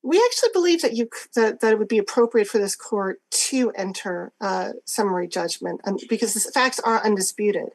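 A woman with a medium-pitched voice presents a formal legal argument. She is assertive and emphatic, setting out her points in measured phrases. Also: expressive. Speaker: government lawyer arguing an appeal. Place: remote court hearing.

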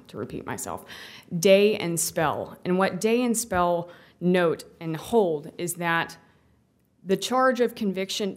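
A woman defense attorney giving a formal, careful appellate argument to a panel of judges. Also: fairly low pitch.

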